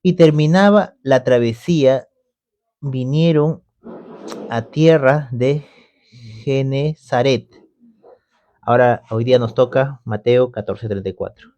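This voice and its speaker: This mellow man speaks slowly at a medium pitch, pausing often. He offers conversational Bible commentary on the radio, building his explanations step by step and regularly checking in with listeners by adding "¿no?".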